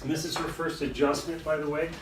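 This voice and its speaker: A man's voice: a little high, level tone, quick pace, noisy background. A man working as a chiropractor, casually talking a patient through a hands-on adjustment with short, reassuring instructions. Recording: echoey room, distant mic, music behind.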